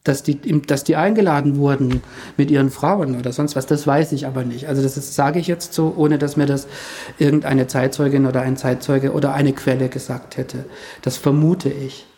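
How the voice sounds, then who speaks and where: A man talking through history in a relaxed interview, thinking aloud with many fillers and restarts. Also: mid-range voice, normal speed. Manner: hesitant, many fillers and restarts, speculative asides. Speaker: historian guest.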